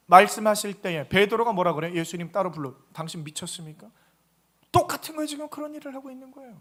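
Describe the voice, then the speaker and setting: A man's voice: very high-pitched, pushed and bright. A man preaching a Sunday sermon as pastor, emphatic and throwing rhetorical questions at the congregation.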